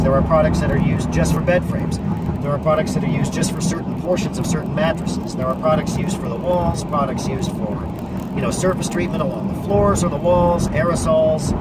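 A man in his forties explains pest control in a loose, earnest way, full of "you know" and restarts, with a fairly high voice for a man. He is filmed from a dashboard camera inside a car, so he sounds set back from the mic. Loud vehicle and street noise runs underneath. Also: far from the mic. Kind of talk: casual explainer monologue. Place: parked car, indoors of vehicle.

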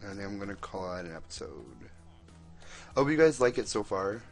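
Young male gameplay commentator, excitable and chatty, lowish pitch, faint background music. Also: a little fast. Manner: excitable, keeps exclaiming and talking to the game characters.

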